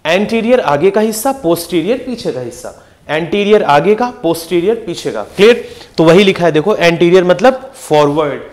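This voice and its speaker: A young man with a fairly high voice teaching vocabulary with lots of energy. He repeats each word and keeps asking his students quick questions, pushing them to focus and remember. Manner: lively, repeats words and asks quick questions to the class. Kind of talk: energetic exam-prep lesson.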